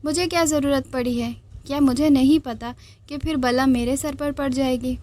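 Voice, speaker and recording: A woman reading aloud and voicing a calm, smug young man who talks in an offhand, teasing way. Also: sits high, moderate pace, lightly acted.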